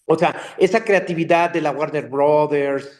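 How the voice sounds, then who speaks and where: An older man, a dubbing actor telling stories in a casual interview, animated and slipping into character voices. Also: on the high side, normal speed. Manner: animated, slips into character voices mid-story. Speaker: voice actor and dubbing director guest.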